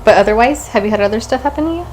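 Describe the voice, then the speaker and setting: A young woman co-hosting a podcast, chatting casually and recalling memories with a giggly, animated manner. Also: fairly high pitch, rapid-fire, slight background noise, rough recording. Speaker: podcast co-host. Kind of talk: casual chat.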